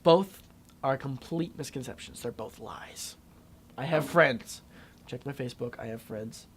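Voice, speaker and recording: A man's voice: mid-range voice, a little slow, slight background noise. An eighteen-year-old man, a graduating homeschool student, giving casual interview answers in an emphatic, offhand way.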